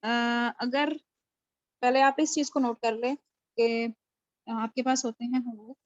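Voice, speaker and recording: Speaking with a fairly high pitch and steady tone, a woman holds an online Quran recitation class via video call. The recording is muffled with no room sound. She explains patiently, quizzes her students, and offers praise for their answers.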